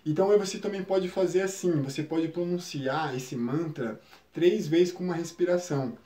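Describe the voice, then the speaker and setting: A man guides listeners through a spiritual lesson in a calm, explanatory way, often checking in with short tag questions. His voice sits a little high but sounds mellow and soft-edged. The room around him is noticeably echoey. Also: moderate pace. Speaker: spiritual teacher. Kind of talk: live-stream spiritual lesson.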